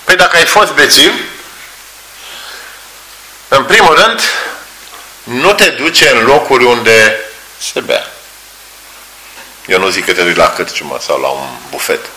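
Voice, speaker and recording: A man's voice: mid-range voice, pauses often, slight background noise. A male preacher giving a sermon in a church hall, telling stories and acting out voices. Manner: animated storytelling, acts out voices. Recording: roomy echo.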